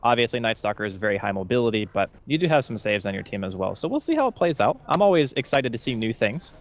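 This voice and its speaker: A man giving color commentary on an esports match, explaining strategy in a rapid, conversational way. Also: mid-range voice, sing-song. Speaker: esports analyst.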